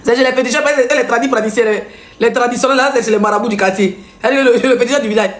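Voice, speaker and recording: A woman blogger hosts a live stream, commenting in a mocking, laughing way and trading rapid back-and-forth with viewers. Her voice is a little high and sounds reverberant.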